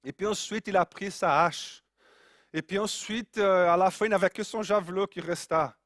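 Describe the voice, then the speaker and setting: A man's voice: high-pitched, normal speed, fairly bright tone, dry recording, studio quality. A man preaching a sermon in a Brazilian accent, earnest and repeating key phrases for emphasis.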